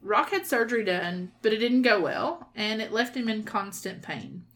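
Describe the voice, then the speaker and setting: A woman's voice: mid-range voice, lively intonation, normal speed, a bit bright. Southern Kentucky woman co-hosting a podcast. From Kentucky, USA. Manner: reads notes aloud, stumbles on names, laughs at herself. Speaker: podcast co-host. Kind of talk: casual true-crime podcast chat.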